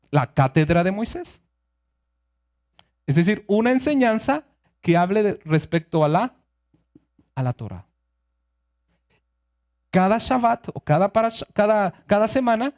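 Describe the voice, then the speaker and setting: A man teaches scripture in a relaxed sermon style. He explains things several ways over and checks in with his listeners often. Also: fairly high pitch. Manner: asks the audience frequent check-in questions; explains in a conversational, repetitive way. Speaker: teacher of a Torah study group.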